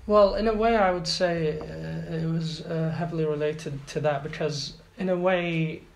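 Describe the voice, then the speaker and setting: With a slightly high voice, steady tone, and some vocal fry, an Iraqi guest in his twenties talks at normal speed in a casual interview. His speech is halting, packed with fillers and restarts, and the room echoes amid faint background noise.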